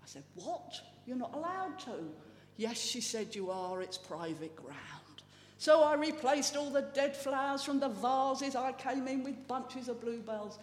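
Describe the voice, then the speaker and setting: A man from South East England giving a halting, heartfelt talk with slides, sharing a personal testimony. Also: very high voice, expressive, a little hiss or hum. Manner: halting, heartfelt, with many restarts. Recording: echoey hall with long reverb.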